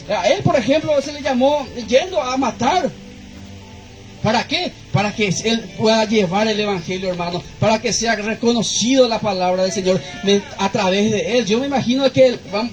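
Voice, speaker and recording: A man's voice: very high voice, low-quality recording. A man preaching a sermon as pastor, often turning to address the congregation directly. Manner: preaching with repeated appeals to the congregation.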